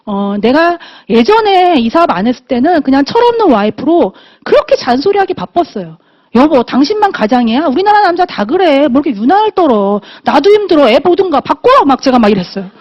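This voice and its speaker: A middle-aged woman giving an emotional testimonial speech to an audience, acting out dialogue as she tells her story. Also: high-pitched. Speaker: motivational speaker. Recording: dull lo-fi audio.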